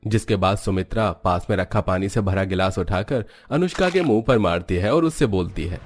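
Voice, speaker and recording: A man narrates a cartoon family tale, reading scripted storytelling in a lowish voice at normal speed while faint music plays behind him.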